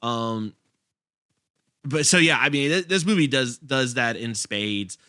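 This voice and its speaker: Bright-voiced man. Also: mid-range voice, a little slow, smooth, no echo, clean studio sound. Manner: hesitant, many restarts and fillers. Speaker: podcast co-host. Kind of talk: casual movie review chat.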